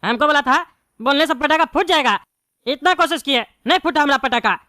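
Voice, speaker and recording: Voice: high-pitched, a little fast, pushed and bright, no echo, studio quality. Someone voicing a ranting bald cartoon politician. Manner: angry, threatening rants. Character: bald blustering male politician, hot-tempered. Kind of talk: cartoon voice acting.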